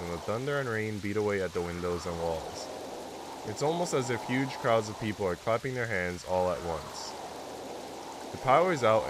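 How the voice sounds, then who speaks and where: Congested with a cold, a man livestreams a visual novel, alternating between reading the narration aloud and slangy, rambling casual chat full of informal asides. His voice sits on the low side, with a noisy background.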